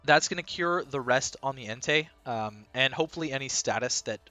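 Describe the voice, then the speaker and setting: A man's voice: medium pitch, lively intonation, a little fast, sharp tone, soft background music. A man talking casually as a team coach, explaining his strategy in a rambling way full of ums and uhs.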